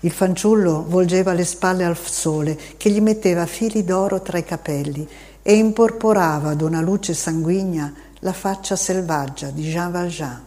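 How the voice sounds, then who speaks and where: A steady narrator reading a classic novel aloud at an even, measured pace. The delivery stays calm and quiet between the scenes with dialogue, with a voice of middling pitch. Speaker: audiobook narrator. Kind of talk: scripted literary narration.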